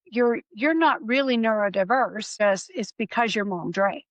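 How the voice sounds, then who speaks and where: A woman with a highish voice and lively intonation speaks at a moderate pace; the audio is poor, though there's no room sound. Hosting a conversational interview podcast, she explains things earnestly and frequently restarts her words.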